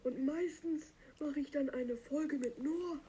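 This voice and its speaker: A dim-witted green cactus fellow, voiced by a man through a voice changer that lifts him high and soft. He drawls slowly in a dark, mellow tone and rambles on with silly, halting asides. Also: a little hiss or hum. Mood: goofy. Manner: rambling, silly, slow, halting with many fillers. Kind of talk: comic character monologue.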